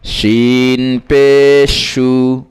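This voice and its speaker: A man teaching Quran reading, who sounds out each syllable slowly and repeats whole words several times, with quicker spoken instructions in between. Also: little pitch movement, clean tone. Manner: brisk, lower-voiced asides explaining between drills. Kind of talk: slow syllable-by-syllable recitation lesson.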